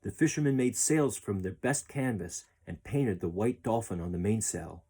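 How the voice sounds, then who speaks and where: Reading a children's picture book aloud, this storyteller uses a lowish, slightly rough voice and shapes each phrase with deliberate expression.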